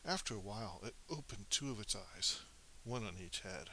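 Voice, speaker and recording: Expressive male narrator for a kids' story, lively pitch. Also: moderate pace, slight background noise, low-quality recording. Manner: animated, expressive reading with small slips.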